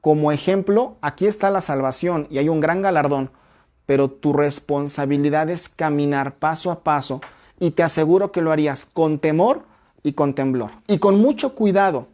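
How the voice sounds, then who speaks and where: Woman, Bible study teacher, measured and explanatory, warm mellow tone. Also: low voice. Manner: measured, explanatory, reads scripture aloud.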